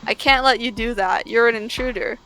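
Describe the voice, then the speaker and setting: A hefty slug cat creature with a blunt, matter-of-fact way of talking, as a woman reads it out. The voice sits a little high for a woman and stays close to her own. Faint music plays behind it. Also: brisk, a bit bright, poor audio. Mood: stern.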